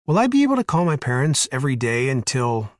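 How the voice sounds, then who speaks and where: A man voicing a shy, earnest teenage girl in an audiobook, speaking softly and sincerely. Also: mid-range voice, very animated, quick pace, no echo, clean studio sound, pitched above the performer's own voice, lightly acted. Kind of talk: audiobook character voice.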